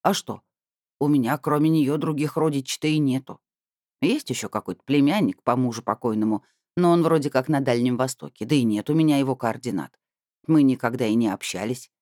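Reader doing a meek old lady neighbor, plaintive and sighing, dark mellow voice, dry sound. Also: medium pitch, fairly quick, dry recording, natural voice. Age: older. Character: elderly tearful neighbor woman, meek. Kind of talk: audiobook character voice.

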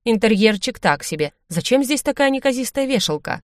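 A sarcastic talking hare grumbles and jabs at everyone, his voice pitched up and sharp-tongued, as a woman narrating a fantasy audiobook puts him on. The recording is close and dry. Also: lively intonation, brisk, no room sound, close to an everyday voice. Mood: snarky.

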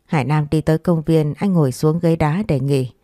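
Low, mellow woman reading a story. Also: normal speed, no echo, clean studio sound. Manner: reads all characters in a near-plain voice. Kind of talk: scripted story narration with dialogue.

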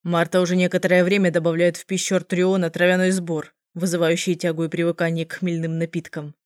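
Stern young man, reproachful, as a woman reader plays him, low and dry. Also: flat delivery, fast talker, darkish tone, no echo, close to an everyday voice. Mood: accusing. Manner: firm, reproachful. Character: stern young man scolding his sister.

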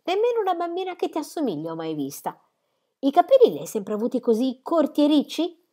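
A woman reading aloud, voicing a gentle, thoughtful twelve-year-old girl who chats softly. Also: high voice, sing-song, fairly quick, voice pushed up. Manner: soft, thoughtful, chatty.

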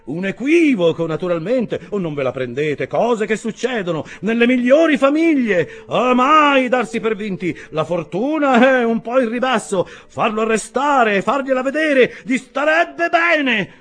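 A man's voice: very high-pitched, lively intonation, a little slow, hardly any pauses, a bit bright, pitched above the performer's own voice, heavily acted. A man voicing a tall, thin young stranger who rattles off clipped, broken phrases in an audiobook reading. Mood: brash voluble. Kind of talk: audiobook character voice.

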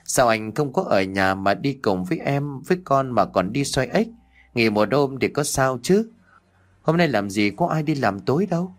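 A man voicing a young village wife who gently coaxes her husband, in a spoken ghost story. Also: medium pitch, lively intonation, normal speed, voice pushed up, close to an everyday voice. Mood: coaxing.

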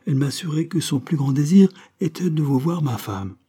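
A man's voice: on the high side, lively intonation, moderate pace, warm tone, breathy edge, pitched above the performer's own voice. A man reading aloud, voicing an earnest young man pleading with the woman he loves in a storybook reading.

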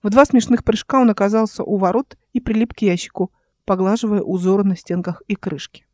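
A man reading a novel aloud as narrator, steady and expressive, close to the mic. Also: high-pitched, a little fast, no room sound. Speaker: audiobook narrator. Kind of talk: scripted narration.

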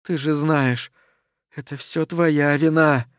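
A man reading a storybook voices a frightened young woman who speaks through tears in a hushed, shaky way. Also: sits low, steady tone, takes it slowly, no echo, clean studio sound. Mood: hushed, grim. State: crying. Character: young woman, terrified, weeping, bitter.

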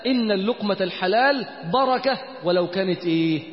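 High, fast Egyptian preacher in a hall. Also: male voice. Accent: Egyptian Arabic. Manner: animated, rhetorical questions to the congregation. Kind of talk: sermon. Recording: muffled, dull recording with long hall reverb.

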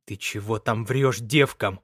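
A man reading the part of a gruff, anxious young peasant in an audiobook. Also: fairly low pitch, a little slow, a bit bright, no room sound, clean studio sound, voice pushed down. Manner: gruff and curt.

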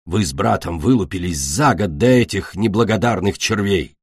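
Brief: male narrator as a gruff, cold mother dragon, husky and low, dry close recording. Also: lively intonation, moderate pace, dry recording, full character voice. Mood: angry. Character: harsh, bitter adult female dragon, a mother.

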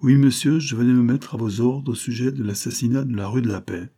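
Un homme qui prête sa voix, dans un livre audio, à un agent de police franc et enthousiaste, au ton ardent et sincère. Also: male voice, mid-range voice, fairly even intonation, brisk, mellow, breathy edge, voice pushed up, close to an everyday voice. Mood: earnest, eager. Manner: frank, enthusiastic, earnest. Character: eager, outspoken male police agent. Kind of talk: audiobook character reading.

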